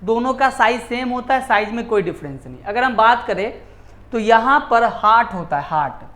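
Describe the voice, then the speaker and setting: A man's voice: very high-pitched, lively intonation, normal speed, a bit bright. A male teacher giving a classroom lecture in Hindi mixed with English terms, often repeating key words and answering his own questions. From India.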